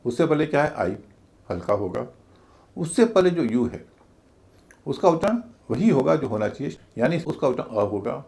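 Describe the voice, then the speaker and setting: Gravelly-voiced man teaching pronunciation. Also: mid-range voice, a little mellow. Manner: spells words letter by letter and chants stress patterns. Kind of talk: video class lesson.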